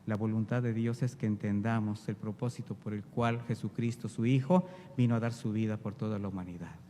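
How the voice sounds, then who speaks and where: A man delivers a sermon from the pulpit, his mellow voice climbing to loud exhortation and then falling to hushed, earnest appeals. The sound rings out with the long reverb of a church hall. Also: on the low side, steady tone, brisk, a little hiss or hum. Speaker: preacher.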